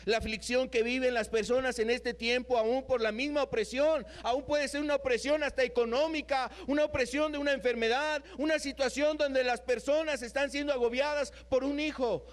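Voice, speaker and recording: Earnest high-voiced male preacher. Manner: earnest, repetitive, drops to a soft low voice on key phrases. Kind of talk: sermon.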